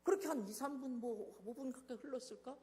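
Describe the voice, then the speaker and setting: A man preaching a revival sermon as a guest pastor, telling a personal story with dramatic swings from hushed asides to loud exclamations. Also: very high-pitched, brisk. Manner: dramatic, swings from hushed to shouting in acted quotes. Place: church sanctuary. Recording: long church hall reverb.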